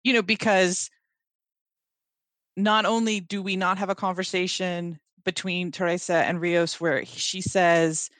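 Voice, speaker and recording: This is a podcast co-host in a casual, animated discussion who speaks quickly and acts out quotes along the way. The voice sits at a middling pitch, and the recording is dry and close. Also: no room sound.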